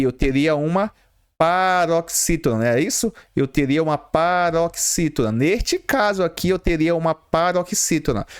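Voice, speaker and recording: Man, Brazilian Portuguese accent, grammar teacher, slightly high voice, walks through each step with quick check-in questions. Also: clean tone. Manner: explains step by step, asks and answers his own questions, adds "tá bom?" and "ó". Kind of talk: exam-prep grammar lesson.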